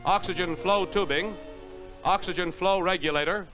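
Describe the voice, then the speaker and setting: A man narrating a 1940s wartime newsreel in a crisp, measured announcer delivery, heard as an old newsreel soundtrack. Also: high-pitched, over music. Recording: noisy archival film soundtrack.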